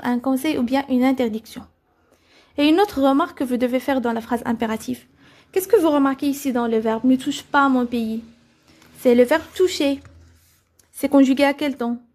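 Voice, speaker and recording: A woman with a high, light voice leads a children's grammar lesson. She puts questions to the class, answers them herself and keeps checking that everyone has understood. Her tone stays patient and steady throughout. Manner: repeats "c'est bon?" to check understanding. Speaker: teacher.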